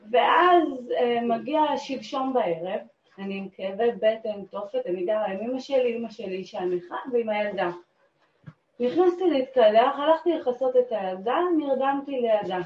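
A woman sharing an emotional personal testimony in a class, dramatic and swinging between hushed and loud. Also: a little high. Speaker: class participant. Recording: dull, roomy recording.

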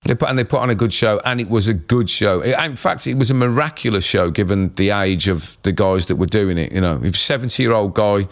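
A man in his fifties with an English accent and a hoarse voice, chatting casually as a co-host in a rambling, matey, sweary way. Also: on the low side, a little fast, hardly any pauses. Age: 50s. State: hoarse from screaming at a concert. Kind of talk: casual chat.

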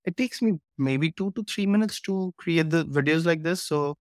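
A man's voice: a little high, moderate pace, no echo, clean studio sound. Man explaining over a video call. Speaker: guest course creator. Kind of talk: casual interview chat.

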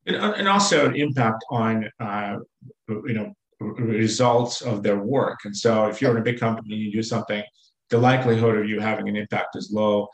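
A man with a fairly low voice talks through his company's work in an interview. He hesitates a lot, with fillers and restarts. The sound carries a noticeable room echo. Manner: halting, many fillers and restarts. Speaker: company executive guest. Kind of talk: business interview.

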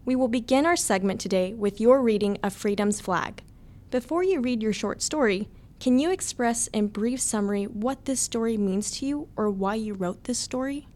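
A woman's voice: on the high side, moderate pace, darkish tone. A woman hosting a podcast interview who speaks in a polite, formal manner. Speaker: host.

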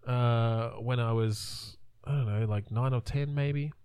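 A podcast co-host in his thirties chats casually in a rambling way, restarting often and trailing off. His medium-pitched voice is steady, slow, a little mellow, and smooth, and the sound is clean studio audio with no echo.

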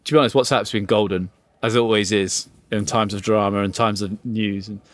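A man's voice: lowish voice, steady tone, fairly quick, dry recording. Swearing, jokey young man. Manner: swears freely, jokey, rambling. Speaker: podcast co-host. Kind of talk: casual chat.

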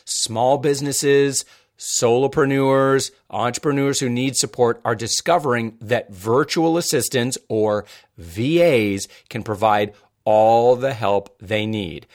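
A man hosting a podcast, talking casually and upbeat, with many fillers and restarts. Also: medium pitch. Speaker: podcast host. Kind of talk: casual podcast chat with promos.

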